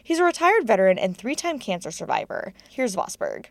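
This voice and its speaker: Woman podcast host, lively pitch, dry close sound. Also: brisk, gravelly, no echo. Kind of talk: scripted news podcast hosting.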